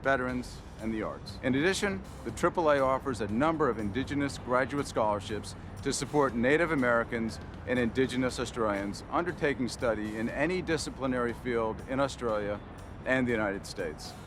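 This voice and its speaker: A man giving formal, scripted narration for a gala video, announcing the program in a measured voice. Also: mid-range voice. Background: music.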